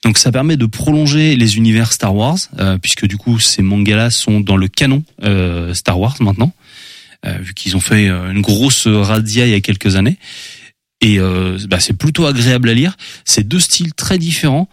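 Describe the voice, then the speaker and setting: A man presenting on a talk show in a relaxed, chatty way, with many hesitations. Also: lowish voice, moderate pace, dry recording, clean studio sound. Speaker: radio show columnist. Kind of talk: casual chat presenting manga.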